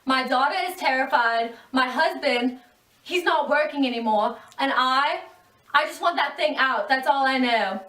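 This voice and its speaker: A woman's voice: high-pitched, pushed and bright. A woman doing a frantic, frightened mother. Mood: distressed. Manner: anxious, halting. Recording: roomy echo, far from mic.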